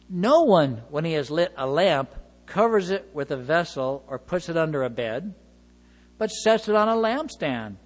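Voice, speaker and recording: A man's sermon, his voice sitting a little high for a man as he reads scripture and presses each point with expressive emphasis. The sound carries a long reverb, as if from a church sanctuary. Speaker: pastor.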